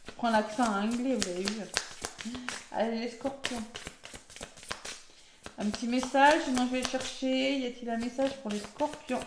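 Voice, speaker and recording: Chatty French female tarot reader, higher voice, echoey room. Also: fairly even intonation, normal speed, long pauses, noisy background. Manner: chatty, filler-heavy, frequent "hein". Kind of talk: weekly tarot reading.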